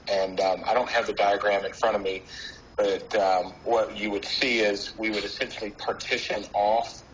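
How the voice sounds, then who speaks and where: Mann am Telefon über Lautsprecher. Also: male voice, lowish voice, little pitch movement, normal speed, fairly bright tone, soft background music. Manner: hesitant, many fillers and restarts. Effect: heard over a phone on speaker. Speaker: business representative applying for a license. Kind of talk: formal remarks at a town board meeting. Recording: muffled phone speaker in a meeting room, faint noise.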